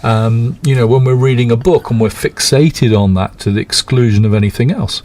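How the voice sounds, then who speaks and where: A man, a hypnotherapist calmly explaining his work in a radio interview with everyday examples. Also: mid-range voice, moderate pace. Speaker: hypnotherapist guest.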